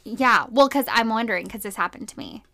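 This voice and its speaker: Upbeat woman podcast co-host, slightly high voice. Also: brisk. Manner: animated, enthusiastic chatter. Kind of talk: casual chat.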